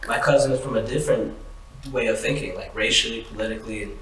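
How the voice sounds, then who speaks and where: A young Colombian-born musician speaks in an easygoing, thoughtful way, using lots of fillers. His voice sits a bit low. He is far from the mic in a very echoey room with a faint hiss. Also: fast, fairly bright tone. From born in Colombia, raised in the United States. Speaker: musician guest. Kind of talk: casual interview chat.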